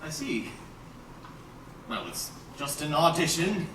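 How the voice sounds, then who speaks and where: A man's voice: fairly high pitch, slow pace, slight background noise. A man acting and singing in a stage musical as an anxious young man from a rich family who wants to become a singer. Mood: worried. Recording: distant echoey stage recording with loud orchestra.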